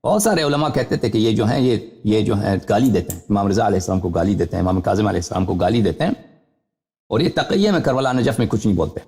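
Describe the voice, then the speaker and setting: A man's voice: animated, warm tone. A man hosting a live call-in religious debate, combative and interrupting. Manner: combative and interrupting, voice swinging widely in pitch.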